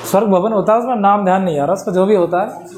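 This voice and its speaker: A man's voice: sits high, quick pace. A man teaching a Hindi grammar lesson in a casual, playful way, acting out examples and laughing along. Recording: echoey room with faint background noise.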